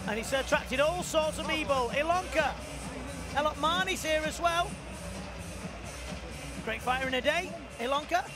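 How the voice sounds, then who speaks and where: A man giving excited live kickboxing commentary in short, punchy, repeated phrases. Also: extremely high pitch, moderate pace, long pauses. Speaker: fight commentator. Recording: loud arena crowd and music behind. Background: crowd and music.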